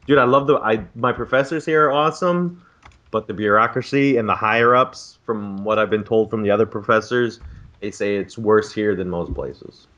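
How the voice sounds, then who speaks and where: A man's voice: fairly low pitch, normal speed, a bit bright, muffled recording. A man in his twenties, a graduate student, on a casual podcast, ranting profanely and with exasperation about bureaucracy. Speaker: podcast co-host.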